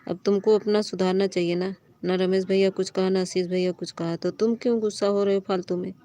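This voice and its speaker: A woman's voice: medium pitch, fairly even intonation, a little fast, dark tone. A woman hosting a live stream, talking to her viewers in a pleading, reassuring way and scolding commenters who argue.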